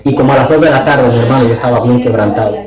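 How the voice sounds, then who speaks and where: A man's voice: mid-range voice, very fast, crowd noise. A man giving an earnest, fervent testimony as a podcast guest, his voice climbing when he is moved. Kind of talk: emotional testimony. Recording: echoey room.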